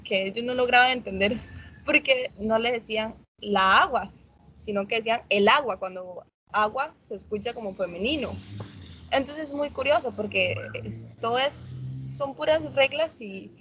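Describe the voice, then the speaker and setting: A woman student in a class discussion with a fairly high voice. She speaks hesitantly and often restarts her sentences while she works out her point. Faint noise sits behind her voice. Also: moderate pace, fairly bright tone, poor audio.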